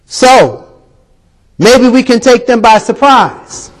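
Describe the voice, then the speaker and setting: A man voicing frantic, high-pitched besieged tribesmen. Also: lively intonation, slow pace, exaggerated voice, poor audio. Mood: agitated.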